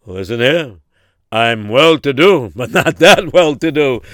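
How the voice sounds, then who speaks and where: A man's voice: medium pitch, lively intonation, slow, a bit bright, no echo, clean studio sound. A man voicing a worried, well-off man who gets flustered and stammers.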